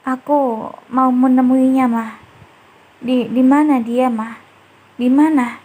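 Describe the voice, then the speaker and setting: A woman's voice: high voice, fairly even intonation, slow, a little mellow, slightly rough, full character voice. A woman voicing a tearful young wife who stammers and pleads through sobs, in a storybook narration. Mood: pleading tearfully. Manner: stammering, sobbing pleas.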